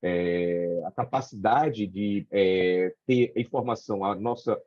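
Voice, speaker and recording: A man's voice: fairly low pitch, takes it slowly, highs cut off. A middle-aged man with a Brazilian Portuguese accent, speaking casually as a panelist, peppering his talk with fillers and tag questions.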